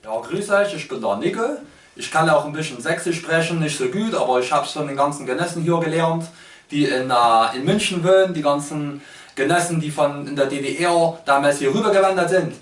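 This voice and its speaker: A man's voice: fairly high pitch, fairly quick, recorded from a distance. A man from Munich with a Bavarian accent, a YouTuber doing playful imitations of German regional dialects in a casual vlog. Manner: hops between German dialect voices. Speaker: language YouTuber. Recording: echoey room, voice a bit off-mic.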